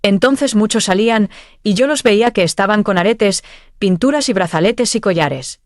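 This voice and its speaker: A woman's voice: medium pitch, lively intonation, normal speed, no room sound. Woman, heartfelt testimony, dry close sound. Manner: earnest, heartfelt storytelling. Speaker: church member giving testimony. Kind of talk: recounting a dream vision.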